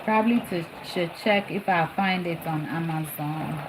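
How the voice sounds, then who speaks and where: Cooking in her home kitchen, a middle-aged woman with a slight New Jersey accent chats casually with live-stream viewers, often repeating phrases for emphasis. Her voice is fairly low and moderately paced, with sizzling frying and bubbling boiling sounds behind her.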